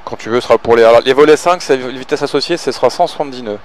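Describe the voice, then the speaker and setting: A man's voice: mid-range voice, racing. A man working as a pilot, calling out checklists and casually coaching, often thinking aloud between clipped callouts. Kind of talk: cockpit callouts and casual instruction.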